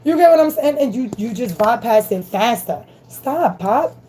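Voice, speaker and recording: Preachy high-voiced woman, mellow tone. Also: expressive, fairly quick, rough recording. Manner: emphatic, preachy, slangy, frequent "okay?" check-ins. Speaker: spiritual reader. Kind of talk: casual motivational talk. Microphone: phone camera.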